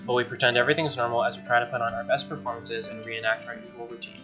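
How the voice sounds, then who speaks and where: Over game music, a man hosting a let's play talks briskly and flatly in a mid-range voice. He chats casually, reads narration aloud and mutters asides. The recording quality is low.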